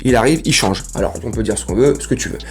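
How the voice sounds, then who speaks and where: A man hosting a football fan vlog, ranting casually in street slang and breaking into loud outbursts and jokes. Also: medium pitch, fast, soft background music. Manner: animated, slangy, bursts into shouting and laughs. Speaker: football fan channel host.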